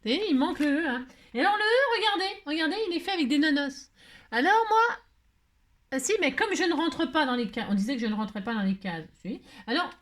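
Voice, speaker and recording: Playful woman chatting through a craft tutorial, jokey, slightly high voice. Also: animated, fast, hardly any pauses, a bit bright. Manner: chatty, playful, full of filler tags. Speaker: craft video host.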